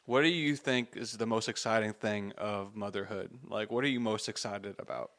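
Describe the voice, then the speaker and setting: A man's voice: on the low side, moderate pace, a bit bright. A man in his thirties hosting a faith-based interview, reflective and encouraging, with frequent restarts. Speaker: podcast host.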